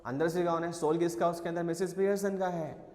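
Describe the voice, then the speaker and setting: A man's voice: on the high side, fairly even intonation, brisk, a little mellow, echoey room, in a large hall. A male teacher explains a play, reading lines aloud and then translating and explaining them. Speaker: English teacher. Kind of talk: classroom lesson explaining a play in Hindi and English.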